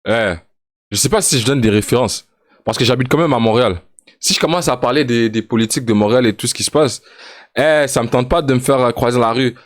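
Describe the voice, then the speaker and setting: A man's voice: mid-range voice, fast, no room sound. A man giving casual, joking reaction commentary as a streamer, mixing English slang into his talk. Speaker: streamer reacting to a music video.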